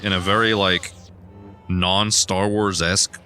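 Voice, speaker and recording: A young man casually narrating a video game, rambling through a personal story with sudden loud outbursts. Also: low voice, unhurried, faint music behind. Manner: rambling, chatty storytelling with bursts of loud excitement. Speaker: gaming streamer. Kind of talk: casual let's play commentary.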